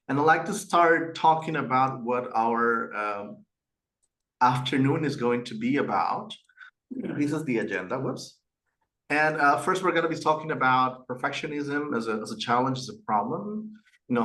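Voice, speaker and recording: Presenting a webinar, this institute director from Peru shares personal stories with earnest feeling, stumbling over fillers and restarts. He's middle-aged, with a Peruvian Spanish accent and a medium-pitched, fairly bright voice. The recording is rough.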